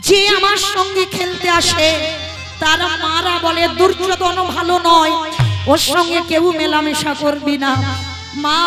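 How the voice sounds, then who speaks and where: A woman voicing a grieving, embittered young prince on his deathbed, declaiming in an earnest storytelling voice. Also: extremely high pitch.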